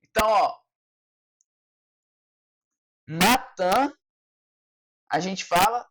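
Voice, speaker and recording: A Brazilian woman teaching a French lesson online, explaining patiently and ending nearly every point with a quick "tá?". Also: medium pitch, expressive, a bit bright, low-quality recording. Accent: Brazilian Portuguese.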